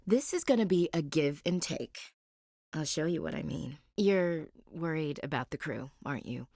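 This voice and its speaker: Ashley Williams, a low-voiced space marine. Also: female voice, expressive, moderate pace, creaky, darkish tone, no room sound, full character voice. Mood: teasing, flirtatious. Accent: American.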